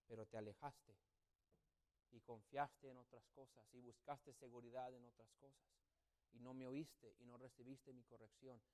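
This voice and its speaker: A man's voice: mid-range voice, mellow. A man preaching a sermon as a pastor, telling a story and acting out family members' voices. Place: church sanctuary.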